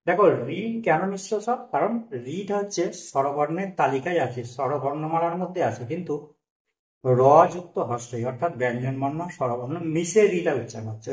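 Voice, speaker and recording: Male teacher, higher voice, grammar lesson, asks and answers own questions, echoey room, distant mic. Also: darkish tone.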